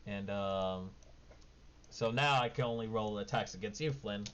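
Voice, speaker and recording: A man's voice: fairly low pitch, unhurried, fairly bright tone. A man narrating as game master of a tabletop game, in a casual, informal way. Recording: dull lo-fi mic, background noise.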